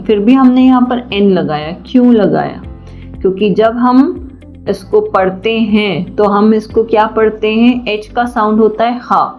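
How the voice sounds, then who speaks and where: Lady teacher slowly going over grammar, asks then answers herself, kinda dull lo-fi audio with faint music. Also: mid-range voice. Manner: patient, asks and answers own questions; slow and deliberate. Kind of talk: classroom grammar lesson.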